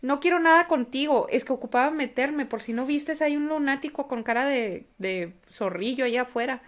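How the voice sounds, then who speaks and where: A woman giving casual, animated commentary while playing a game and talking back to its characters. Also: high-pitched, normal speed. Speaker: gaming streamer.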